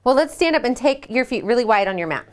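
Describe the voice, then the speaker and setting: A woman leading a children's yoga storytime at home. She reads a picture book aloud and asks the kids gentle questions. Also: a little high, lively intonation, fast, clear, resonant tone.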